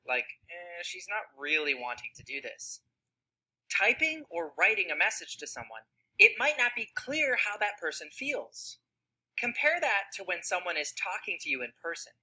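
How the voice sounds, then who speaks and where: Woman narrator for a kids' explainer, very bright and breathy, lively swoops in pitch, quizzes the audience. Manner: asks children questions and acts out tones of voice. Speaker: narrator of a children's explainer video. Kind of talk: scripted narration for kids.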